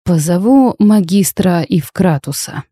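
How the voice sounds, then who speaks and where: A woman voicing a calm, careful man in old-fashioned clothes in an audiobook. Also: fairly low pitch, a little slow, slightly rough, dry recording, studio quality. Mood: wary. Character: long-haired man in an old caftan, calm and wary.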